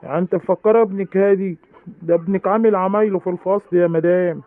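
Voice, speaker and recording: A man's voice: sits high, steady tone, fast, dry recording. A man with an Egyptian accent playing a reproachful school principal in a comedy sketch. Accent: Egyptian Arabic. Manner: lecturing, reproachful. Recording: tinny phone-like dry sound.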